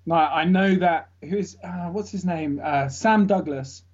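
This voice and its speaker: A man's voice: fairly high pitch, a little slow. A man, a guest voice actor chatting casually in an interview, jokey and rambling, laughing often. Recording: lo-fi internet call audio.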